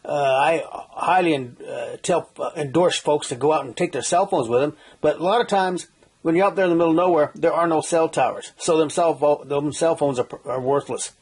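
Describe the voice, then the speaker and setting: This middle-aged survival instructor has a fairly high, slightly mellow voice with a breathy edge, and he talks a little fast. His informal how-to talk is folksy, peppered with "okay?" check-ins, "uh," and frequent restarts.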